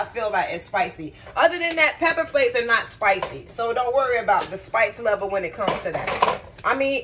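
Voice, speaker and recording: Cooking in her home kitchen, a woman with a voice on the high side chats casually with her viewers, often calling them guys and y'all as she works. There's a noisy background behind her.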